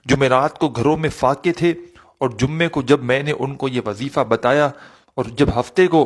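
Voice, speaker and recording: Earnest man giving a devotional talk. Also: medium pitch. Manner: earnest, repetitive, directly addressing viewers; prayerful pleading in supplication. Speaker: religious video host.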